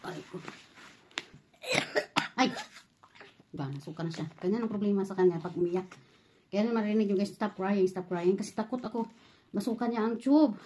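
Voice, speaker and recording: A woman's voice: mid-range voice, normal speed, long pauses, mellow. Tearful mother soothing her baby. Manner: soothing, pleading, tearful at times, praying under her breath. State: emotional, near tears. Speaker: mother of a premature baby, vlogger. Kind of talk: casual vlog talk while caring for a baby. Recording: noisy home phone recording.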